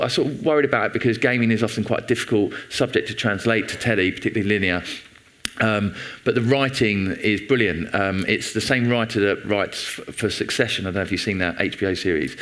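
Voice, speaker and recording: A British TV commissioner at a panel, talking haltingly with many fillers and self-deprecating asides. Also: male voice, lowish voice, a bit bright. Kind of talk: panel talk.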